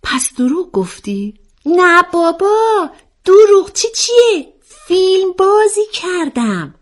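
A woman voicing a flustered, playful young woman in a read-aloud story, speaking high and exclaiming. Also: very animated. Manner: high-pitched, exclaiming, indignant. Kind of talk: storybook voice acting.

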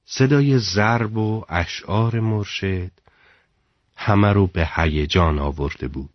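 A man narrating a story in a measured, dramatic storytelling delivery. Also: on the low side, no echo, highs cut off.

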